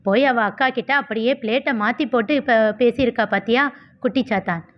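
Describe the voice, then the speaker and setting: A woman's voice: fairly high pitch, fast talker, natural voice. A woman voicing an indignant, flustered young college man, in a storybook reading. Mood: exasperated. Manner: indignant, exasperated. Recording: slightly dull lo-fi recording.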